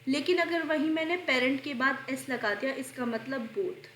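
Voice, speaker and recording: A woman teaching grammar for exams, explaining slowly, repeating answers and posing questions she answers herself, coughing and clearing her throat while unwell. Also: high voice, fairly bright tone, echoey room, slight background noise. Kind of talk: exam-prep grammar lesson.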